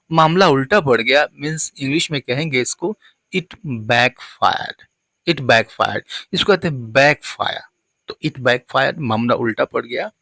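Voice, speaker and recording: A man teaching spoken English, saying each model sentence slowly and deliberately. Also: medium pitch, fairly bright tone, dry recording.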